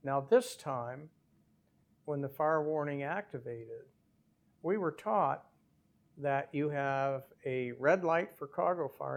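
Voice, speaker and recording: An older man, a former airline captain, telling his story in an interview at a measured pace with small hesitations. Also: fairly high pitch, gravelly. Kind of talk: conversational storytelling.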